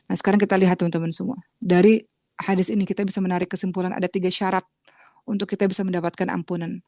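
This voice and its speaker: A woman's voice: flat delivery, very fast, warm tone, dry recording, clean studio sound. A woman from Indonesia giving an earnest religious lecture, talking straight to her listeners as friends and acting out pleading prayers. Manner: earnest, acts out pleading prayers with rising pitch; addresses listeners as friends, refers to herself as Uma. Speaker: preacher.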